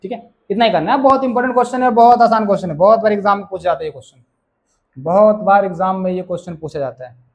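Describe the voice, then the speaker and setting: A man's voice: high voice, quick pace, a little mellow, lo-fi sound. A man teaches a maths class. He keeps it casual and chatty, repeating each key point and coaxing the students along as he works through the problems. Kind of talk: classroom lesson explaining solutions.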